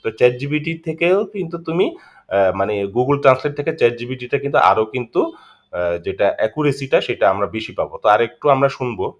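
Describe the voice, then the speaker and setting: A man's voice: mid-range voice, animated, brisk. A male teacher gives a chatty video lesson. He keeps checking in with "right?" and often repeats himself. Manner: chatty, repetitive, frequent "right?" check-ins.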